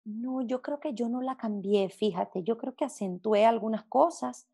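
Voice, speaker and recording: A rather high, husky, mellow voice with a creaky quality belongs to a Venezuelan woman who speaks a little slowly. As a gastronomy journalist guesting on an interview, she reflects expressively in Spanish, her mixed Latin American accent hard to identify.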